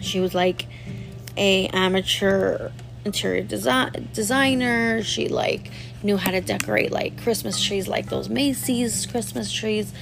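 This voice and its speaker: With music behind her, a vlogger in her 30s speaks in a mid-range, creaky voice, a little slowly. She rambles candidly through a personal story, peppering it with "like" and addressing her viewers head-on.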